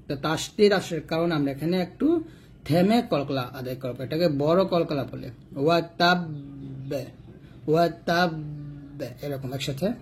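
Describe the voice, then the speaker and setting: A man with a Bangladeshi Bengali accent teaching Quran reading, spelling out syllables and reciting them slowly and patiently for learners. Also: on the high side, a little mellow, a little hiss or hum.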